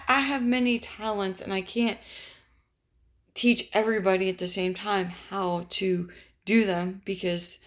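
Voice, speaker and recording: A woman's voice: a little high, a bit bright. A woman giving an informal, earnest sermon, talking conversationally with repeated words and emphatic rises. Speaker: ministry speaker. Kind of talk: informal preaching to camera.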